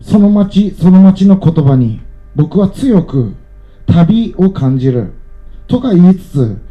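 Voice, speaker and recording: A man reading his own travel essay aloud in a calm, measured storytelling manner. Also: sits high, highs cut off.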